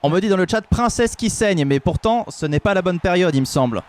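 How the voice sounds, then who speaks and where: A man's voice: high voice, a little fast. A man hosting a live stream and commentating fights with jokey, mock-serious banter. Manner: jokey, mock-serious, rises into excited calls. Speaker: host and commentator.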